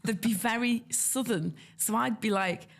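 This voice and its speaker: Here the guest illustrator from North East England speaks a little slowly, with a fairly high pitch and vocal fry. Chatting casually in an interview with her regional accent, she tells lively stories and imitates the voices of people she's quoting.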